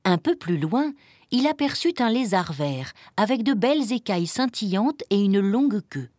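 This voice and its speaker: With faint music playing behind her, a woman reads a children's picture book aloud in a gentle, expressive storytelling style. Her voice is medium in pitch and her pace is moderate.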